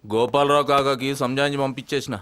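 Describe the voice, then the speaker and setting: An actor playing a brash, blustering man who talks rough with a Telangana accent. He is the bride's brother in a film comedy scene. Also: medium pitch, steady tone, fast talker, very noisy, close to an everyday voice. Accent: Telangana Telugu. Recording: film soundtrack with music behind.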